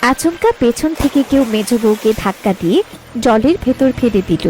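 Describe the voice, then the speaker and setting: A woman's voice: fairly high pitch, lively intonation, moderate pace, darkish tone, faint music behind, poor audio. A woman narrating a scripted fairy tale.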